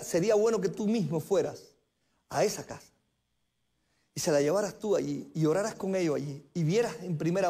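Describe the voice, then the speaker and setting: High-voiced male pastor preaching earnestly. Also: warm tone. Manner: earnest preaching, repeats phrases for emphasis. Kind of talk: sermon. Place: church sanctuary.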